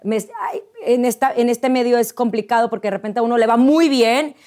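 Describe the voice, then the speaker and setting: Woman in her 30s, guest on a chat show, kinda high voice, lively storyteller. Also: brisk. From Monterrey, Mexico. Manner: chatty storyteller, animated. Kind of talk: casual chat.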